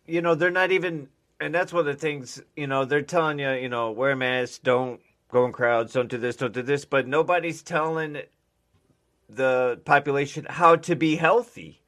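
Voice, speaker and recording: A man's voice: on the high side, fairly even intonation, moderate pace, a bit bright. A man hosting a podcast, chatting in an easygoing, agreeable way. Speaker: podcast host. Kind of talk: casual podcast chat.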